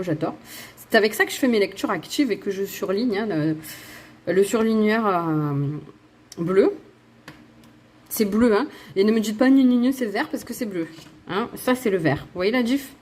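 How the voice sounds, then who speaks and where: A woman's voice: mid-range voice, darkish tone, slight background noise. A woman giving a casual tarot card guidance reading, bubbly and giggly, rambling with self-mocking asides and chatting straight to her viewers. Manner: lots of fillers and restarts, chatting straight to viewers. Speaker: tarot and oracle card reader.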